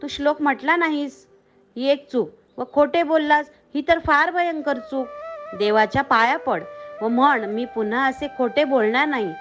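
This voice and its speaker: A woman's voice: high voice, moderate pace, a bit bright, lo-fi sound, faint music behind. A woman voicing a stern but loving village mother who speaks firmly and scolds. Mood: scolding. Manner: firm, scolding.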